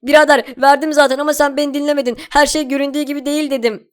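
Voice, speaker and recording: A cheeky sidekick buddy, as a man puts him on, speaking in a high, squeaky voice that chatters along at a quick clip. he is chummy and teasing, always tossing out warnings, like a cartoonish game companion. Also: flat delivery.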